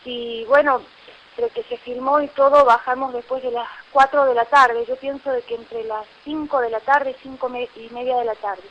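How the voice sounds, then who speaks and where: A woman's voice: high voice, steady tone, normal speed, muffled recording, slight background noise. A woman from La Rioja, Argentina, with an Argentine accent, recounting events urgently as an activist in a radio interview. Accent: Argentine Spanish. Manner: urgent, indignant testimony with many fillers. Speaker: community activist.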